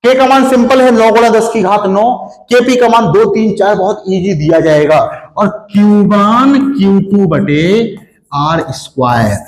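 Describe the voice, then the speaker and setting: A young man with a sore throat and a high voice teaches a physics class at an unhurried pace, the sound reverberant and roughly recorded. He's in a hot studio with a board and no air conditioning, explaining step by step and answering the questions he poses to students himself.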